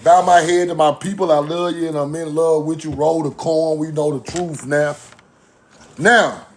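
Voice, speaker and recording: Addressing his chat audience casually but emphatically, a young online video host from Mississippi, USA, leans on repeated catchphrases and a preachy tone. He speaks at normal speed in a fairly high, fairly even voice, with slight background noise.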